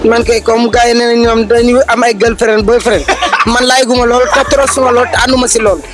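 A man with a very high voice talks fast on the street outdoors, earnestly explaining his view at length. Music sits under the street noise. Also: flat delivery. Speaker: passer-by interviewee. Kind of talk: casual street interview.

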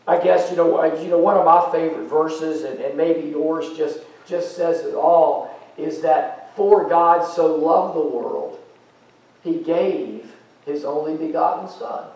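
On a church sanctuary stage, a middle-aged American pastor moves about and gestures as he preaches a touch slowly, his voice on the high side and darkish. His talk is folksy and conversational with fillers, and the mic sits far away in a very echoey space.

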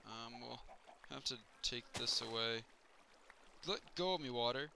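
A young man casually commenting on his own Minecraft play as a gaming YouTuber, chatty and excitable, yelping when things go wrong. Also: medium pitch, a little slow, gravelly, a little hiss or hum.

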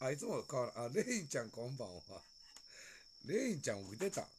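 A man's voice: mid-range voice, very animated, fast talker, darkish tone, a little hiss or hum. A man with a Kansai accent chatting loosely on a late-night phone live stream, greeting viewers and laughing often. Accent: Kansai Japanese.

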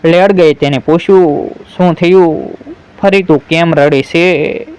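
Smooth-voiced man telling a folk tale. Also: on the high side, fairly even intonation, darkish tone. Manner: unhurried storytelling, reads all characters' lines in his own voice. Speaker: storyteller.

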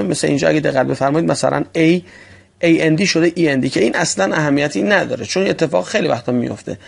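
A man teaching English vocabulary for an exam, often calling listeners friends and slowly repeating example phrases. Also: a little high, creaky. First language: Persian. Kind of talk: vocabulary lesson for exam prep.

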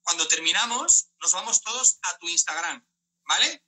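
A man's voice: high voice, animated, normal speed, sharp tone. A man hosting a live interview, talking casually and enthusiastically, making announcements to the audience.

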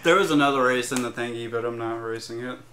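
A man's voice: medium pitch, fast talker, fairly bright tone, echoey room, a little hiss or hum. A man teasing his friend and laughing in casual chat over a racing game. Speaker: co-player.

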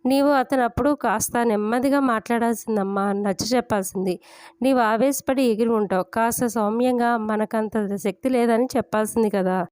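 A woman's voice: fairly high pitch, normal speed, a little mellow, clean tone, no room sound, natural voice. A woman voicing an anxious middle-aged mother who talks gloomily and pleads about money, in a storybook reading. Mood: soothing.

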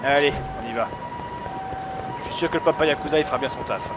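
Foul-mouthed French-speaking gamer, slightly high voice. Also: male voice, quick pace, heavy background noise. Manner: crude, foul-mouthed ranting. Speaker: let's play gamer. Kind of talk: casual gameplay commentary. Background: game music.

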